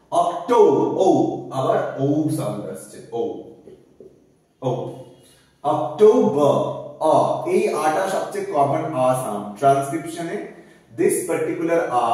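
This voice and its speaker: A man teaches English phonetic transcription, taking each word apart one sound at a time and repeating it patiently. His voice sits a little high and comes from a bit back from the mic. The room rings with heavy echo. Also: a little mellow. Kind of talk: online class teaching transcription. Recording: echoey room, far from the mic.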